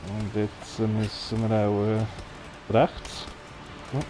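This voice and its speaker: A let's play host with a Bernese Swiss German accent gives casual commentary while playing a game, speaking slowly in a lowish, monotone voice. Video game noise is clearly audible behind him.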